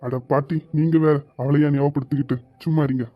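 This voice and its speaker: A man's voice: on the high side, fairly even intonation, quick pace, dry recording, highs cut off, close to an everyday voice. A man doing a cheeky, teasing young grandson. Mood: playful. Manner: teasing, playful. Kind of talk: web drama voice acting.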